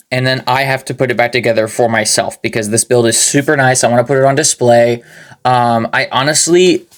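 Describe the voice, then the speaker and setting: A man talking casually through a toy-building walkthrough, rambling and swearing now and then, with a slightly gravelly voice. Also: medium pitch. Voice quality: a little gravelly. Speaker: hobby toy-building channel host. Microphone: plugged-in microphone.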